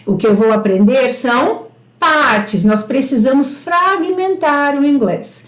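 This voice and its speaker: A Brazilian woman teaching English in a live-streamed lesson. She talks in an encouraging way and repeats English phrases slowly for the class. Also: high-pitched, animated, reverberant. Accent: Brazilian Portuguese.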